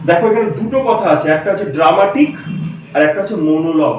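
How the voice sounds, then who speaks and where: A male teacher lectures a class, explaining each point slowly and stopping to quiz his students. His voice sits high and carries a heavy room echo. He sounds some distance from the microphone. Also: noisy background. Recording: echoey room, mic far off.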